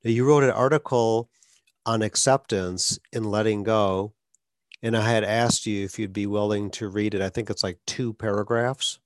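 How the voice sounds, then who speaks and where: In a conversational interview, a male podcast host who works as a speech clinician speaks at normal speed in a lowish voice with fairly even intonation. He's earnest and advocating, with occasional stuttered blocks, and there's no room sound.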